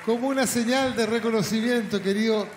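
A man announcing on a festival stage with booming announcer calls. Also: steady tone, brisk, noisy background. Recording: echoey stage with music and crowd.

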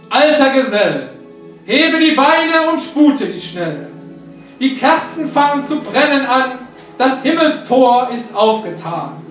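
A man playing Santa Claus, high and echoey. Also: fairly bright tone, exaggerated voice. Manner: slow, solemn, storytelling delivery. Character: kindly old Santa Claus, gentle. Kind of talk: poem recitation and greeting. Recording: very echoey, distant mic, music behind.

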